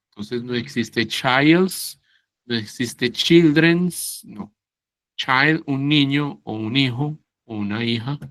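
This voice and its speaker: A man teaching an English class over a video call talks at an unhurried, deliberate pace and keeps stopping to make sure his students understand. His voice sits at an ordinary middle pitch and sounds close and dry, with no room echo. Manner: slow, patient, checks understanding with "¿sí?" and "¿cierto?". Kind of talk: online class explanation.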